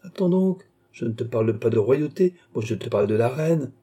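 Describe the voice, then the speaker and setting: Man voicing an old nobleman, scornful, mocking, impatient, dark husky voice, audiobook. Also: medium pitch, lively intonation, normal speed. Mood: sly. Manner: scornful, needling, stamping with temper. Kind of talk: audiobook character reading.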